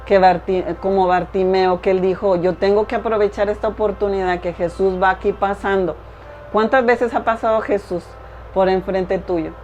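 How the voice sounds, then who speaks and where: A woman's voice: mid-range voice, a little mellow. A woman preaching a sermon, earnest and repetitive, speaking straight to the listener. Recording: dull lo-fi recording with faint hiss.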